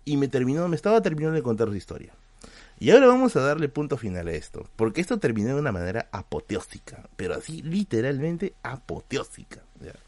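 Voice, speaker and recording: A Peruvian man spins a casual anecdote for his stream chat, his pitch swinging up and down as he talks. His delivery is slangy and chatty, full of little check-ins to the audience. The sound is dry and close, with no room around it. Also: very animated, quick pace, darkish tone, no room sound. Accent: Peruvian Spanish. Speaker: livestream host.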